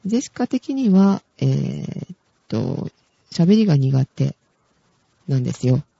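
A woman's voice: sits low, very animated, unhurried, gravelly, mellow, slightly rough, no room sound. A woman hosting a casual podcast chat, chatty and giggling often. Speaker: podcast host. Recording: dull, dry lo-fi recording.

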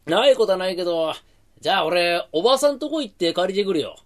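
A cheeky young Edo tenement joker spins breezy tall tales, as a man puts him on. His voice bounces lively and high. He keeps a casual, knowing rakugo storytelling air. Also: fast talker.

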